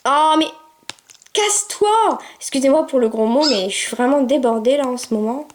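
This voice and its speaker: High-voiced chatty woman gamer. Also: fast talker, background noise. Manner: chatty, excitable, coos at her puppy. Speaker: gameplay video maker. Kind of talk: casual gameplay commentary.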